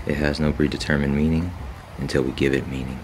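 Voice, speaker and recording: A man in his thirties giving a measured, contemplative scripted voice-over for a vlog. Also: a bass voice, level tone, slight background noise. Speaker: vlogger. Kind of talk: scripted reflective voice-over narration.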